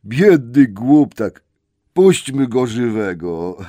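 A man voicing a lazy, well-fed male troll who speaks slowly with a dim drawl in a storybook reading. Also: medium pitch, big pitch swings, mellow, dry recording, studio quality. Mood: boastful.

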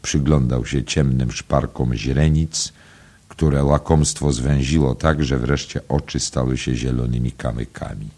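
Male audiobook narrator, calm literary reading, very low and husky. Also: unhurried. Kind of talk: scripted narration.

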